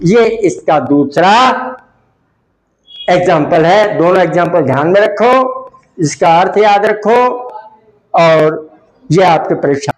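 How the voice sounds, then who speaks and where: A man's voice: sits high, reverberant, rough recording. A man teaching an English vocabulary lesson with an Indian accent. He explains words and meanings in Hindi, repeats each word carefully and keeps checking that students understand. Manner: explains slowly, repeats words, asks "samjhe?".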